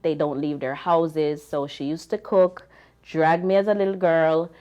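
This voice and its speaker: Low-voiced Jamaican woman. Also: fairly even intonation, a little slow, darkish tone, highs cut off. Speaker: panelist. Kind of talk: casual panel talk.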